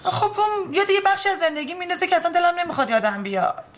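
Sulky, lively-voiced wife. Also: female voice, extremely high pitch. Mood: reproachful, sulky. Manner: sulky, reproachful, demanding. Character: sulky wife wanting attention. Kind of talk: sitcom acting.

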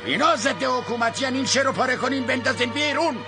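An actor playing a stern middle-aged school principal who turns sharp and scolding, in a dubbed cartoon. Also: male voice, mid-range voice, sing-song, natural voice. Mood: furious. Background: background music.

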